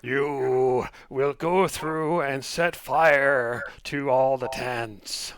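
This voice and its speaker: Menacing she-demon for a tabletop game, played by a man: slow, commanding delivery. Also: mid-range voice, a crowd in the background. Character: menacing female demon in a crystal ball.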